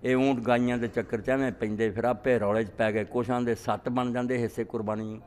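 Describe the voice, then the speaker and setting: A man's voice: mid-range voice, little pitch movement, a little fast, darkish tone. A man giving a religious lecture as a cleric, answering questions with emphatic, scolding rhetorical questions. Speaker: Islamic cleric. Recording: long hall reverb.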